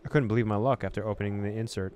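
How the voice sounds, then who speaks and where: A man's voice: on the low side, fairly even intonation, racing, a little mellow, slight background noise. A man hosting a let's-play, reading story text expressively and dropping in casual asides. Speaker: gaming video host.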